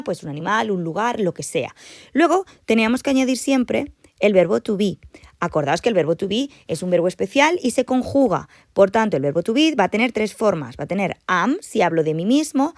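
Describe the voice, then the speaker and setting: A woman English teacher explaining grammar to her students, lively and emphatic, repeating the key points. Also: mid-range voice, brisk, no room sound, clean studio sound.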